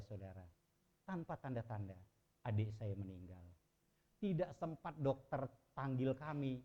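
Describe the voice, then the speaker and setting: A middle-aged man giving an emotional sermon testimony, shifting between loud shouting and quiet, subdued telling. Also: medium pitch, highs cut off.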